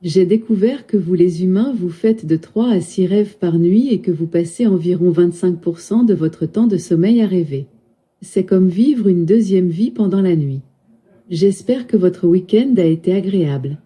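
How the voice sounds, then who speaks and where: A female text-to-speech voice of a smart speaker, answering politely in even, announcer-like phrasing from a loudspeaker. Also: lowish voice, moderate pace, breathy edge. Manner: polite, evenly paced, announcer-like. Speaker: voice assistant. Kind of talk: synthetic assistant replies.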